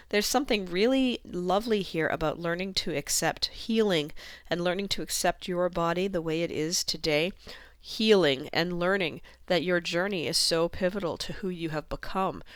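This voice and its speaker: A tarot reader giving a monthly reading to viewers, gentle and reassuring, with frequent ums and you-knows. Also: medium pitch, clean tone, no room sound, clean studio sound.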